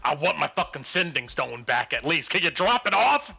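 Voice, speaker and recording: A man voicing a gruff, sly, demanding crime boss who swears and bullies in a tabletop game. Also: a little high, big pitch swings, moderate pace, bright, forceful tone, heavily acted. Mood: indignant, bullying. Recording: music behind the voice.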